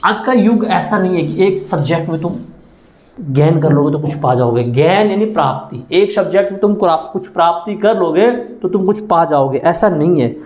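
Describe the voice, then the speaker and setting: In a coaching classroom, a man from Haryana with a Haryanvi accent teaches maths in a repetitive lecture style, chanting times tables and repeating phrases. His voice is fairly high-pitched, expressive and darkish in tone, delivered at a moderate pace with a roomy sound.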